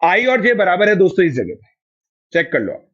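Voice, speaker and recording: A man's voice: sits high, sing-song, fairly quick, a bit bright, muffled recording. A man with an Indian accent teaching a math class online. He keeps coaxing his students to answer and confirm each step.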